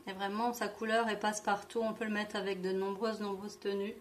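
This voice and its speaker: A woman reviewing beauty products in a casual vlog, talking with many fillers and pauses. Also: medium pitch, little pitch movement. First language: not English. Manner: slow, hesitant, many fillers. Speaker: beauty vlogger.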